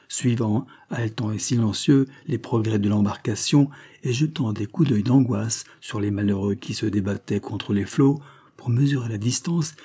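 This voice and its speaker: A man narrating a Victorian novel in a steady, measured way. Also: lowish voice, slightly rough. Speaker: audiobook narrator. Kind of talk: scripted narration.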